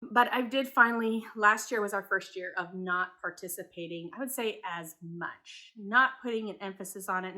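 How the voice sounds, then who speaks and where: A woman in her thirties who grew up in Taiwan speaks to her viewers in a relaxed homeschool vlog. Her voice is bright and clear, with a lively forward edge. She sounds chatty and candid, and she thinks aloud with hedging asides. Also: mid-range voice. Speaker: homeschool vlogger. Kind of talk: casual talk to camera.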